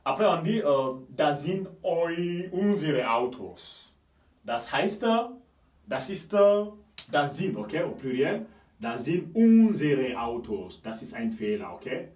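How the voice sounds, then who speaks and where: A man's voice: a little high, sing-song, slow pace, a little mellow. A man teaching German grammar in a classroom style, often checking in with "ok?" and repeating key points. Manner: repetitive, checks understanding with frequent "ok?"; stresses German example words, drops off at phrase ends. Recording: roomy echo, mic at a distance.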